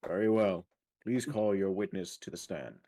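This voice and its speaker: A woman voicing a stern older male judge while reading a game aloud with voices, speaking in slow, grave pronouncements. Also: very deep voice, warm tone.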